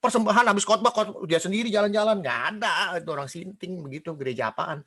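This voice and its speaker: A man preaching in a loose, conversational style, his voice sitting a little on the high side. He keeps firing questions at the congregation and slips into playful impressions of people gossiping. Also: fast. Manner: animated, quizzes the congregation, mimics gossip. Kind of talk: casual sermon.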